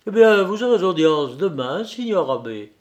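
A man's voice: high voice, very animated, normal speed, pitched above the performer's own voice. A man reading aloud and voicing a sly, weary old cardinal who speaks in fussy exclamations. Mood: fretful.

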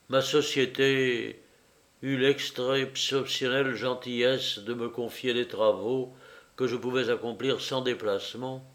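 A man reading a novel aloud as an audiobook narrator, in a measured, deliberate manner. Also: mid-range voice.

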